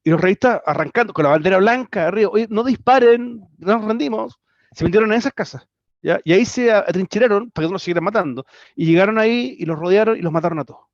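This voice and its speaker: A man's voice: high voice, racing, no room sound. A man with a Chilean accent teaching a history class online, talking conversationally with frequent tag questions and restarts. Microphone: computer mic on a video call. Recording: dry, slightly dull video call audio.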